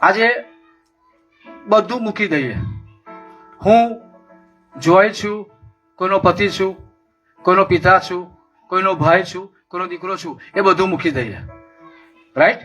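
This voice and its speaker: A man's voice: high-pitched, a little slow, pauses often, sharp tone, faint music behind. A man preaching a sermon with a passionate, repetitive cadence.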